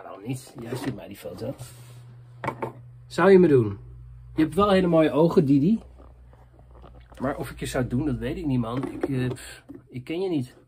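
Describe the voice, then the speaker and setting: A man's voice: medium pitch, darkish tone, a little hiss or hum. A young man vlogging and answering viewer messages in loose, rambling casual chat, often dropping filler tags.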